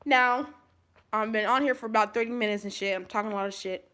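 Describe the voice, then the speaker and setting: A woman venting to camera in a profane monologue, angry and repetitive, swinging between shouting and low, subdued talk. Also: fairly even intonation, quick pace. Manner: angry, profane ranting with repeated phrases. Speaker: vlogger.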